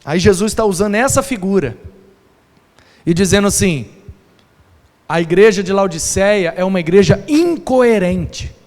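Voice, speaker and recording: High-voiced animated pastor in a hall. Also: male voice, measured pace, pauses often. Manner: animated, playful, mimics sounds, shouts for emphasis. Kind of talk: sermon. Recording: long hall reverb.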